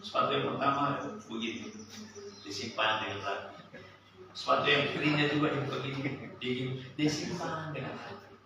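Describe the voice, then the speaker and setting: A man preaching a sermon and telling a personal story, with an animated voice that climbs and sinks sharply. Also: medium pitch, normal speed, noisy background. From Sulawesi, Indonesia. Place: church service hall. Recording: echoey church hall, from a distance.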